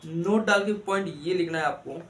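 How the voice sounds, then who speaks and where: High-voiced man coaching exam students. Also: normal speed, a bit bright, echoey room, slight background noise. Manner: rhetorical questions, coaxing and scolding. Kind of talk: motivational study advice to students.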